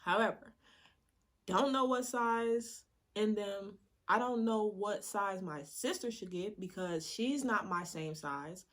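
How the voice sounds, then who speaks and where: A young woman talks casually between bites. Her voice is middle-pitched for a woman, and she is laid-back and chatty, drifting through fillers and easy laughs as she tells a rambling story. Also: takes it slowly. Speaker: mukbang vlogger. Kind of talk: casual chat while eating.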